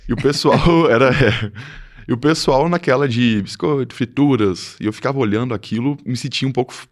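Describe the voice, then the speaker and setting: A man's voice: medium pitch, fairly quick. A man, a podcast guest telling his story in casual chat, hesitant with many fillers and restarts. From Minas Gerais, Brazil.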